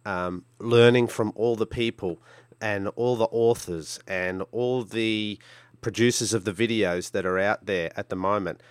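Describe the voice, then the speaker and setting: A man's voice: fairly low pitch, smooth, no echo. A middle-aged man with a Queensland Australian accent, talking casually on his own as a podcast host. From Brisbane, Australia. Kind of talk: casual solo podcast talk.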